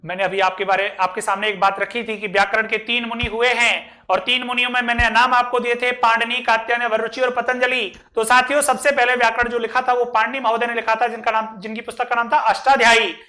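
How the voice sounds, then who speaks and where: A man teaching a grammar lesson, reciting a verse slowly and then explaining it word by word. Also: very high voice, flat delivery, pushed and bright.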